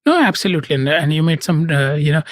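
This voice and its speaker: Man, podcast host, friendly interviewer, fairly high pitch, dry sound. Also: lively intonation, fast talker, no echo. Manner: friendly, affirming, asks questions. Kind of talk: conversational interviewing.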